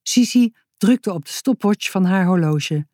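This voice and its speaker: A woman reading a children's book aloud in a calm, measured narrating voice. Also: medium pitch, no echo, clean studio sound.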